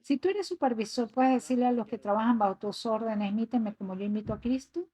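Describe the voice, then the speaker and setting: A woman's voice: fairly high pitch, quick pace, mellow, husky. A woman giving an earnest voice-over translation of a sermon, reading scripture passages aloud. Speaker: sermon interpreter.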